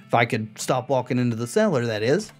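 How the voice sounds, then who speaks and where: A woman's voice: very deep voice, sing-song, a little fast, a little mellow, soft background music. A woman playing a video game, reading its text aloud and adding casual commentary of her own. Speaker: video game player and narrator.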